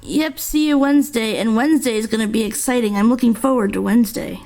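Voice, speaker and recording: A woman's voice: fairly high pitch, quick pace, a little mellow, rough recording. A woman co-hosting a casual chat who talks upbeat and laughs easily.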